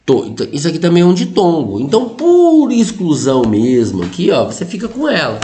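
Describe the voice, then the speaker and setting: A man's voice: on the high side, brisk. A Brazilian man teaching a Portuguese grammar lesson for exam prep, explaining step by step and joking with his students. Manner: explanatory, lively, jokes with students, frequent "tá?" and "ó".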